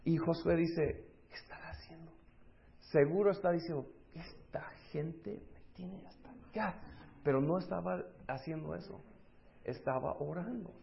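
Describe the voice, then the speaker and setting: A man preaching a sermon, acting out the voices of the people in his story and moving between loud and hushed delivery. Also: a little high, creaky, lo-fi sound.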